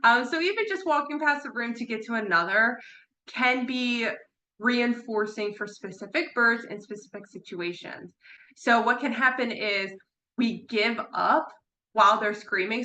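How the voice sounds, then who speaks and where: A woman's voice: fairly high pitch, moderate pace, sharp tone. A woman who is a parrot behavior consultant, giving a chatty online lecture from a room at home with her birds, repeating words for emphasis and laughing now and then. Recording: echoey room.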